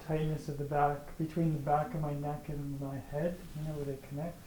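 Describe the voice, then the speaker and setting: A man describing his body sensations in a guided session, speaking softly and hesitantly as he searches for words. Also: fairly high pitch, little pitch movement, a little fast, echoey room, slight background noise, poor audio. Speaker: session participant.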